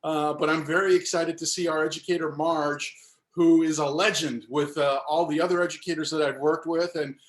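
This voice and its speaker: Brief: chatty Northeastern sales director, slightly high voice, roomy echo on a video call. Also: male voice, fairly even intonation, fairly quick. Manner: chatty, upbeat, filler-heavy. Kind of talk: webinar presentation.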